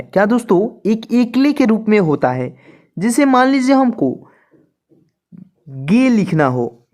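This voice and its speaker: A woman's voice: mid-range voice, a little mellow. A woman teaching an online lesson, who repeats each point and keeps asking her viewers questions. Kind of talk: slow classroom-style lesson.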